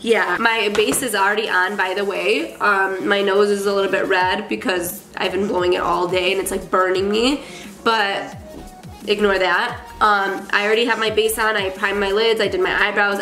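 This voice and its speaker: This makeup artist and beauty vlogger is a young woman whose cold leaves her congested and nasal, yet she chats gushingly about her makeup, filling gaps with ums. Her bright, forceful mid-range voice keeps fairly even intonation at normal speed, and faint music plays in an echoey room behind this casual tutorial.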